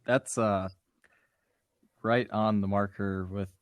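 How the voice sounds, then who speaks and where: A young man in his twenties hosts a podcast and speaks softly and thoughtfully. His voice is fairly low. The recording is dry, with little room sound. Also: fairly even intonation, takes it slowly, dry recording. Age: 20s. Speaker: podcast host. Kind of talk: casual conversation.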